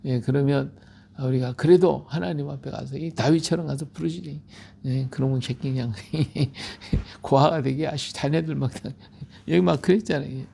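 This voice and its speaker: A man's voice: fairly high pitch, fairly even intonation, moderate pace, vocal fry, mellow, slightly rough. A middle-aged male pastor giving a Bible-reading sermon, emphatic and repetitive, often asking his listeners for agreement.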